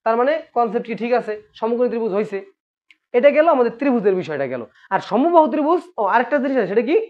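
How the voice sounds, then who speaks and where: A man's voice: very high voice, lively intonation, very fast. Man, math teacher, patient, repeats questions, classroom, muffled lo-fi sound. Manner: patient, asks students questions and repeats points. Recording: dull lo-fi recording.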